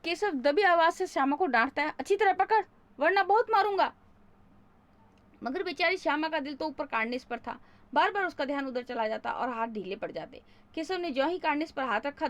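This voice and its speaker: A middle-aged woman teacher with a high voice reads a story to schoolchildren. She gives the characters' lines a lively read, then goes back over each passage in plain, simple words. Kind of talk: reading a story aloud and explaining it for school pupils.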